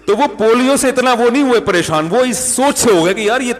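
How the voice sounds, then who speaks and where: A man's voice: extremely high pitch, expressive, long reverb tail. A man giving a conversational religious talk, telling anecdotes and acting out the dialogue. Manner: chatty storytelling, acts out dialogue, laughs at his own jokes. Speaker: Islamic speaker.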